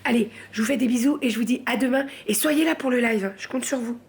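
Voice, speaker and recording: A woman's voice: a little high, fast talker. A woman vlogging late at night from home, chatting casually and rambling, saying voilà at the end of her sentences.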